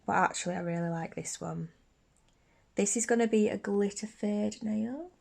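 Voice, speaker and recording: In a mid-range, gravelly, darkish voice at a moderate pace, a young woman chats through a nail tutorial in her bedroom. A beauty YouTuber with a slight sniffly cold, she's bubbly and tends to restart mid-sentence.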